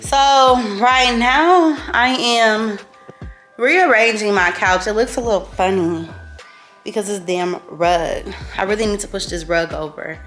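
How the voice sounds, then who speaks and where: A woman's voice: mid-range voice, normal speed, a bit bright, soft background music. A woman in her apartment chatting casually to viewers as she decorates and explains, with sassy, slangy asides. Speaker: vlogger. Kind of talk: casual home vlog, tutorial. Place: apartment living room, indoors.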